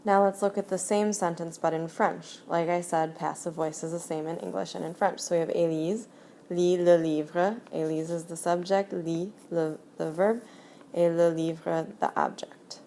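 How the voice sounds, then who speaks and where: Woman teacher, low-ish voice, unhurried screencast explainer, faint background hiss. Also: steady tone, mellow. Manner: slow, deliberate explaining while writing. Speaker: French teacher. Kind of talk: screencast grammar lesson.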